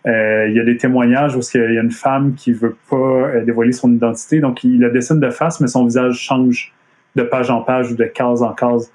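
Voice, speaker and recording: A comic artist from Quebec gives a casual talk from home over a live stream, picked up by a computer mic, speaking with a Montreal French accent. His mid-range voice is a little mellow, flat, and moderately paced, and he hesitates with many fillers and restarts.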